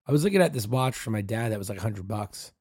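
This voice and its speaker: Offhand New man, slightly husky, dark-toned. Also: fairly low pitch, expressive, fast talker, dry recording, clean studio sound. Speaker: podcast co-host. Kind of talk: casual chat.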